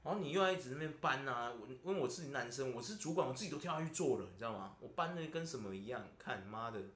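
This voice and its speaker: Animated Taiwanese-accented man venting. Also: mid-range voice, racing. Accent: Taiwanese Mandarin. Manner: animated venting, keeps asking "you know?". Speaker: podcast host. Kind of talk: casual chat. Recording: roomy echo.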